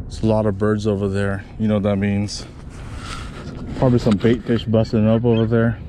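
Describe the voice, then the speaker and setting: A man vlogging from a kayak, giving relaxed, casual commentary to the camera between casts, recorded on a chest-mounted action camera outdoors. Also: fairly low pitch, moderate pace, slight background noise. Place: on a kayak out on open water.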